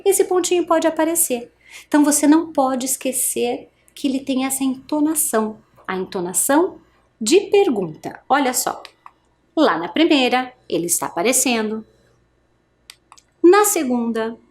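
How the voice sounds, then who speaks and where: A Brazilian woman teacher talks slowly and patiently to adult learners in a recorded lesson. Her voice sits high and swings widely, stretching every question so students can repeat it. She speaks directly to the viewers throughout. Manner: slow, expressive, exaggerated question intonation, addresses students directly. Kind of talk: adult education video lesson.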